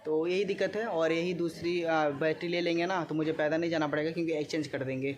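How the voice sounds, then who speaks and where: Speaking fast in a slightly high, steady voice, a male vlogger from Gorakhpur, India, explains things to his viewers casually and repetitively, with frequent check-in tags. He has an eastern Uttar Pradesh accent. The audio is amateur vlog sound, clearly noisy and full of ambience.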